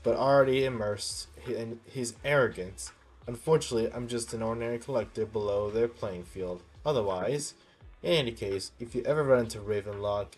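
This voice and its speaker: A man reading a video game's story dialogue aloud, stumbling now and then and correcting himself. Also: lowish voice. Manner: halting reading with misreadings corrected. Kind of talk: reading game story text aloud with reactions.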